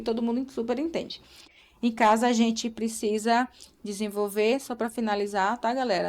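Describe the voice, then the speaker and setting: A young woman in casual live-stream chat, talking to viewers and checking in with tag questions. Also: a little high.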